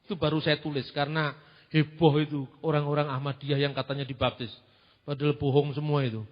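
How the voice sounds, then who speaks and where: A man preaches in an animated, questioning way, his voice sitting high. The recording is muffled and lo-fi, with a long reverb from the hall. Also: a little fast. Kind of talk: sermon-style teaching.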